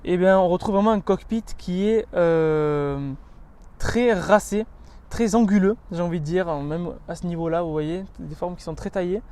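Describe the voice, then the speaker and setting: A man with a fairly high voice walks around a car and presents it in a relaxed, chatty way. He lists feature after feature, linking them with fillers, and leans eagerly into the parts he likes. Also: moderate pace. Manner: chatty and descriptive, listing features with many connecting "donc"s and "euh"s. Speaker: car reviewer. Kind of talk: casual walkaround presentation of a car.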